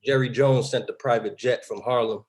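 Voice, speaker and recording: A man's voice: medium pitch, steady tone, normal speed, crowd noise. A man appearing as a guest on a talk show, speaking in a confident, boastful press-conference manner.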